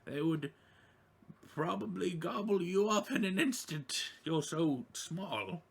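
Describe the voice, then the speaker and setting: A man voicing a polite, fussy townsman who gives the party directions in a hesitant, halting way. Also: high voice, lively intonation, creaky, breathy edge, pitched above the performer's own voice, exaggerated voice. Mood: fretful.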